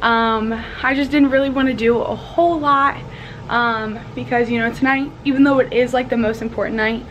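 A bubbly young woman with a fairly high voice chats to her vlog like an excited sorority girl. Her talk is casual and sprinkled with "like". The camera microphone picks up clear room noise around her. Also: moderate pace, lo-fi sound. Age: young adult. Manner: heavy use of "like". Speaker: vlogger, college sorority member. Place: small dorm room, indoors. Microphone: handheld camera at arm's length.

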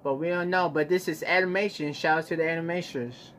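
With a fairly high, steady voice, a young reaction video host talks a little fast in an informal, exclamatory way. He's in a small bedroom, using his phone to record. The home recording has noticeable noise.

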